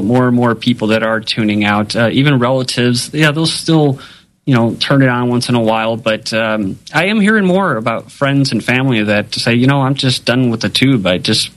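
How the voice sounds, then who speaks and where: A man with a mid-pitched voice talks as a journalist in a casual, conversational way. His commentary rambles along loosely, with frequent filler phrases. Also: a bit bright, poor audio.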